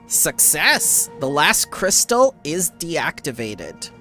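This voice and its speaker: A man's voice: on the high side, wildly swooping pitch, slow pace, sharp tone, soft background music. A man running a tabletop game as game master, narrating casually and calling out results.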